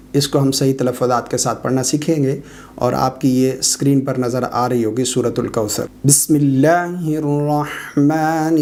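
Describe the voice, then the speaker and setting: A man, middle-aged, giving a brisk explanatory online lesson on correct recitation, pausing with drawn-out 'aa' sounds. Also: medium pitch, a little mellow. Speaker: religious teacher of prayer recitation.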